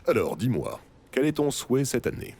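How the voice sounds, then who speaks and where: A man's voice: mid-range voice, sing-song, normal speed, gravelly, a little mellow, husky, full character voice. A man playing a jolly old bearded Santa Claus with a sinister streak, theatrical and grandly reassuring, in a French audio drama. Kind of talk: scripted French audio fiction acting.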